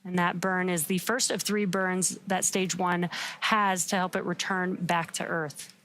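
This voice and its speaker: A woman's voice: little pitch movement, a little slow, fairly bright tone. A woman giving upbeat, explanatory live launch commentary. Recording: very noisy feed with rumbling background.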